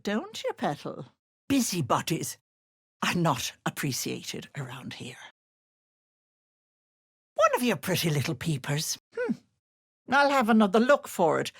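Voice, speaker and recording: A woman's voice: mid-range voice, huge pitch swings, a little slow, pauses often, breathy edge, no echo, studio quality, heavily acted. A woman playing a sly, wicked old hag in a video game, posing as a sweet auntie, with cloying endearments laid over gloating menace. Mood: sly cajoling. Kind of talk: video game character voice acting.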